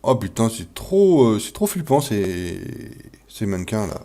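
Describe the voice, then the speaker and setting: A man giving casual commentary while playing a horror game, jumpy, expressive and self-mocking, with swearing. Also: lowish voice, measured pace, a little hiss or hum. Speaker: video game player and video maker.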